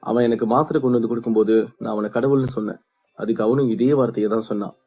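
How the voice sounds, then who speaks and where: A man voicing a playful young male student who teases with quick questions. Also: medium pitch, steady tone, warm tone, husky, soft background music. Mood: worried.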